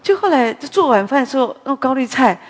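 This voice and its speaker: Husky-voiced woman preaching in a hall. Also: high voice, fast. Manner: chatty, animated storyteller with frequent asides. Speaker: preacher at a women's morning prayer meeting. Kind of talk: conversational sermon with storytelling. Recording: long hall reverb.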